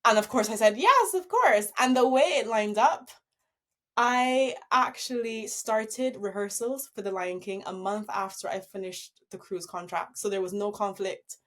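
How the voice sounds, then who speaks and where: A young woman from Barbados talks through her dance career as an interview guest, upbeat and laughing easily. Her voice sits at an ordinary pitch for a woman and flows like casual storytelling. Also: unhurried, a bit bright. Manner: upbeat, laughs easily while telling stories.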